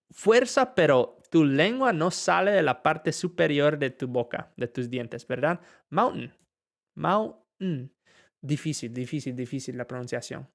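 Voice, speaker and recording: Chatty man teaching English on a live stream. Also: on the high side. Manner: relaxed, chatty, switching between Spanish and English, reading viewer questions aloud.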